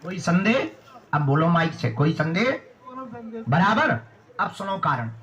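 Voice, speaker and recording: A man's voice: fairly high pitch, very animated, unhurried, fairly bright tone, muffled recording. A man acting as a spiritual guru, addressing devotees with short commands and rhythmic pronouncements. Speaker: spiritual guru holding court. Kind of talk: addressing devotees at a religious gathering.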